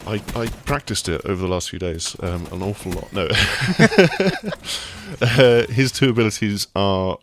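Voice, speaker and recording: Deep-voiced man chatting casually. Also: fairly quick, few pauses, slight background noise. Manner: relaxed, rambling explanations with many fillers and restarts. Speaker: games journalist co-host. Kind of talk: casual gaming discussion.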